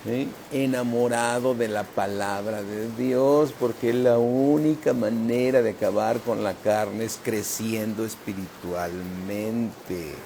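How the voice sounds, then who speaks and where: A man's voice: fairly low pitch, fairly even intonation, gravelly, dark tone, slight background noise. A man preaching a sermon as pastor, emphatic and often asking "¿sí?" of the congregation. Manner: slow, emphatic preaching with frequent "¿sí?" checks.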